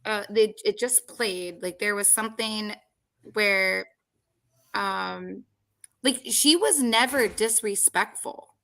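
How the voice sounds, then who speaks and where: A woman hosts a casual podcast of reality-show commentary, rambling with plenty of fillers and restarts, and mentions that people call her voice girly. Her mid-range voice is slow, a bit bright, with vocal fry.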